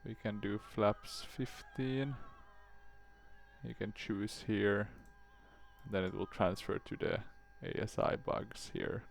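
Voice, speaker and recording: A man's voice: fairly low pitch, slow, creaky, soft background music. A man giving casual gameplay commentary on a flight simulator, thinking aloud in short phrases.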